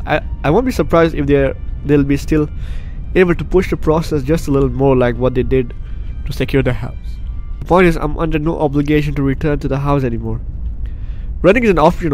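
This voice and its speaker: Battling the flu, this gaming YouTuber reads game text aloud during a let's play, joking repetitively and bantering with characters. His mid-range voice has a darkish tone, and the recording quality is low.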